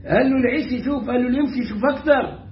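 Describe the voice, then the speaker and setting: A man with an Egyptian accent teaching Quran recitation, repeating words slowly to show how they are pronounced. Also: extremely high pitch, reverberant, highs cut off, slight background noise. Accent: Egyptian Arabic. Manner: demonstrates pronunciation by repeating words slowly, animated and emphatic. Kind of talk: Egyptian colloquial tajweed lesson.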